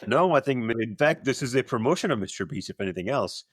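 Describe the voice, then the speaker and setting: A man on a casual podcast, trading quick, joking banter with his co-hosts. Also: mid-range voice, expressive, slightly rough, dry recording, studio quality.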